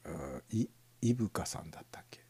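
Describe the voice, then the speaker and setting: A man hosting a live internet radio stream talks fairly quickly in a dark, mellow voice with a breathy edge. He rambles casually, using lots of fillers and soft chuckles, his pitch moving in a lively way as he thinks over each listener's comment.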